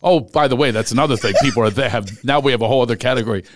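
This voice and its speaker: Rapid-fire and medium-pitched, this American man hosts a podcast over a noisy background. It's a casual comedic interview, and he jokes around while telling animated stories.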